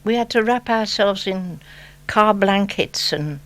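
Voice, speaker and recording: An older woman from the Birmingham area shares her memories in a relaxed, chatty way. She talks like someone telling a story at home, acting out the voices of people she once spoke with. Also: medium pitch, unhurried. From England, Birmingham area. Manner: chatty, warm storytelling with re-enacted dialogue. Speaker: interviewee. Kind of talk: reminiscing oral history interview.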